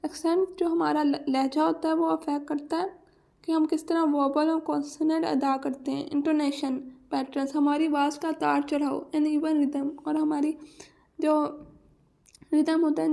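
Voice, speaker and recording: A Pakistani woman teaching a lesson on pronunciation, reading English points slowly and then explaining them in Urdu. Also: high-pitched, little pitch movement, vocal fry, mellow.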